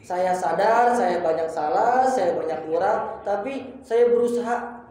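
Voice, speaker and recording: A man's voice: high voice, unhurried, mellow. A young man teaching an informal religious study circle, talking colloquially, apologizing often and repeating phrases for emphasis. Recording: very echoey room.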